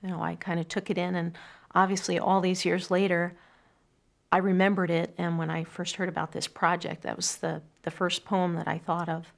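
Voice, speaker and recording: Creaky and low, with a level tone and normal speed, a middle-aged woman thoughtfully reads her poetry aloud. She also tells family memories in an earnest, reflective way, sitting in a quiet furnished room.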